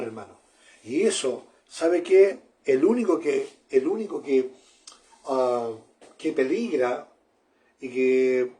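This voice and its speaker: Earnest male preacher with a mellow, slightly raised voice. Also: fairly high pitch. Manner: earnest, repeats phrases, addresses listeners as brother. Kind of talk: sermon.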